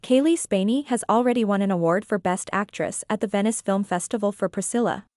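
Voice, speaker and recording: Her pitch is medium and her pace a little quick, with no room sound around her close-miked voice. She is a reviewer and author reading scripted narration in an even, earnest, opinionated manner.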